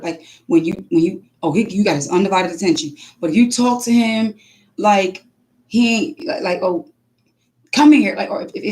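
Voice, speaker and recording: Woman, mother, casual spiritual testimony, animated storytelling, acted quotes. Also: medium pitch.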